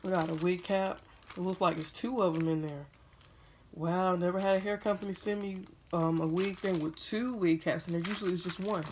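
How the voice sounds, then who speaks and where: A young woman chats casually with her viewers, calling them "y'all" as she unboxes at home. Her voice sits fairly low. A faint hiss runs under the camera mic. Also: fairly even intonation, brisk. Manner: chatty, addresses viewers as "y'all", chewing gum. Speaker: beauty vlogger.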